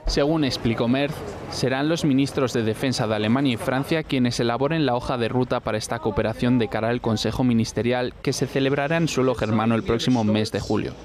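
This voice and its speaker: A man delivering a formal news report with a steady, even delivery. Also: medium pitch, fairly quick, a crowd in the background. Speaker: news correspondent.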